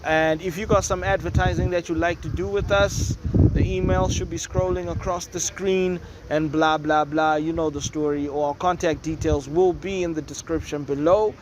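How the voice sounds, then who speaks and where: A man's voice: fairly high pitch, fairly even intonation, normal speed. A man hosting a casual commentary show, chatty and opinionated with rambling asides. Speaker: host. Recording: noisy with loud music nearby. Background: neighbours' music and noise.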